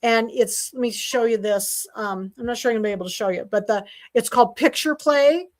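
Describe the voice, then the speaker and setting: A woman with a fairly high voice hosts a casual sewing livestream from her desk mic. She talks in a rambling, chatty way, full of fillers and restarts. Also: fairly quick. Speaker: sewing class host. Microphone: desk mic while streaming.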